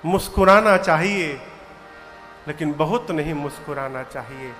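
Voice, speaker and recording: A male preacher telling a devotional story in a high, bright voice, slow and unhurried, with touches of humor and short sung verses. His voice rings through a large tent with a long echo, and soft instrumental music plays underneath. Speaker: kathavachak preacher.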